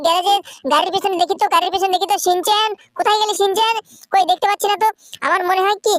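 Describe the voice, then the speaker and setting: A man's voice: extremely high pitch, fairly bright tone, no room sound, studio quality. A man voicing an eager cartoon robot cat searching in a game. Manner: fast, insistent.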